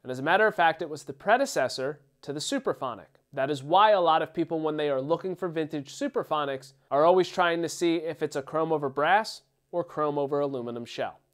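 A man's voice: a little high, a little fast, hardly any pauses. A man with a Philadelphia accent hosting a channel, explaining gear details in an upbeat, casual way. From Philadelphia, USA. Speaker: drum channel host. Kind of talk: casual product demo talk.

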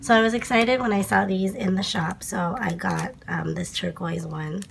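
A young woman chatting casually through a stationery haul, her voice hoarse from a cold, with lots of fillers. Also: mid-range voice, lively intonation, normal speed, very noisy. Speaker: planner vlogger.

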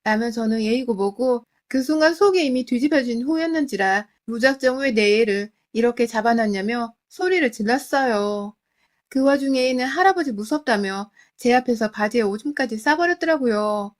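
A woman's voice: a little high, lively intonation, normal speed. A woman narrating a scripted first-person family story in an emotional, confiding way.

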